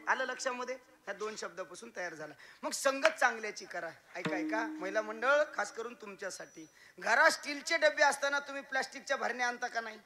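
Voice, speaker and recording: A man giving a humorous devotional kirtan sermon, asking his listeners questions as he teaches. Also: extremely high pitch. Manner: lively teacherly, asks audience questions often; humorous, playful asides. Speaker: kirtan preacher.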